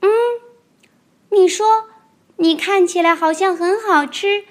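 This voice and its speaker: Woman doing a squeaky baby dinosaur. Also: slow pace. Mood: eager. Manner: squeaky, eager childlike voice. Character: sweet, trusting baby ankylosaur, small and cheerful.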